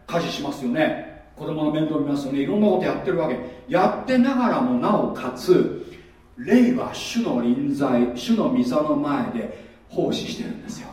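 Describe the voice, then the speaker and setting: A pastor delivers a sermon in a conversational style, frequently posing rhetorical questions to his listeners. His voice is on the high side with a darkish tone. He sounds far from the microphone in a very echoey room.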